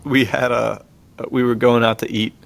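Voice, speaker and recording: Level and gravelly, this medium-pitched American voice moves at a moderate pace as he hosts a podcast full of relaxed film talk and anecdotes. He laughs often mid-sentence, keeps things slangy and informal, and uses "dude" constantly.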